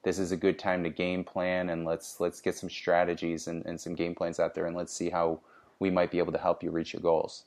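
A man's voice: low-pitched, completely flat delivery, fairly quick, darkish tone. A man co-hosting a casual sales podcast, giving upbeat coaching advice with frequent restarts. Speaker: podcast co-host.

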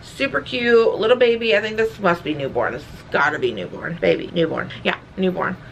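A woman's voice: on the low side, expressive, fairly quick, gravelly, slight background noise. A young woman vlogging at home, chatting casually and rambling with lots of fillers, a little out of breath. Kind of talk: casual chat.

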